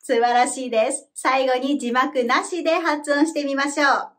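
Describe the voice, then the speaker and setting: A woman with a high voice teaches a language lesson from a script. She explains each word in a clear, measured way. Her delivery stays calm and even, like a teacher guiding learners through the material. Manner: slow, careful model pronunciation for repeating.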